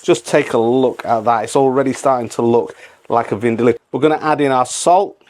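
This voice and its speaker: A man's voice: medium pitch, fairly quick, darkish tone. A middle-aged man hosting a casual step-by-step cooking tutorial, repeating phrases for emphasis. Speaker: cooking channel host.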